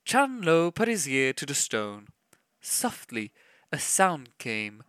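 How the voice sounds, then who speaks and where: A man reads a storybook tale aloud at an unhurried pace, his pitch rising and falling with feeling. His tone is bright and forward, and the recording is dry and close. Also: clean tone, no room sound. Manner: slow and expressive with sound effects. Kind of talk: storybook read-aloud narration.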